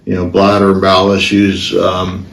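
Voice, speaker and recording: Man, low voice, middle-aged, half-numb face, halting blunt podcast talk, casual, echoey room, slightly off-mic. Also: monotone, gravelly, a bit bright. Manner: halting, hesitant, blunt and profane. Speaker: podcast host. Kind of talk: casual solo podcast talk, personal storytelling. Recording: roomy, distant mic with faint noise.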